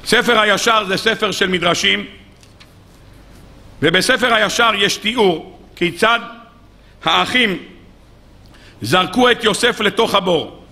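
Man, rabbi, weekly sermon, high voice, bright tone, animated storytelling, rhetorical questions. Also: pauses often. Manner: animated storytelling, acting out quoted speakers.

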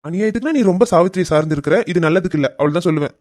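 A man's voice: high-pitched, animated, very fast, a little mellow, dry recording. A man voicing a teasing, dismissive middle-aged husband in a cartoon family drama. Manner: dry, mocking.

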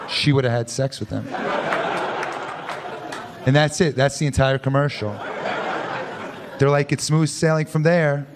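A man in his thirties doing a dry, deadpan stand-up set on a club stage, speaking into a handheld mic. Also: medium pitch, measured pace, long pauses. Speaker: stand-up comedian. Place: comedy club stage before a live audience. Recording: loud club crowd and noise. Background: loud audience laughter.

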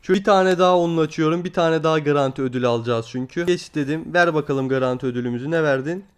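A young man giving casual gameplay commentary as a gaming channel host, who gets excitable and talks straight to the game, cursing at it when it lets him down. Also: a little high, rapid-fire, clean tone. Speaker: gaming YouTuber.

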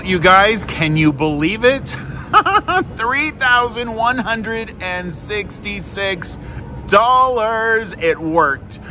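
A man giving casual, excited gambling commentary as a slot video host, coaxing the machine aloud and repeating short phrases. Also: on the high side, background noise. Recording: loud machine music behind. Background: loud slot machine music.

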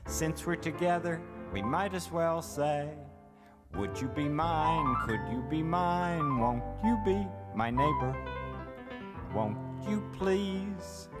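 Male singer, slow gentle tune, a bit high, with backing music. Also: lively intonation. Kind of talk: singing a gentle children's-style song.

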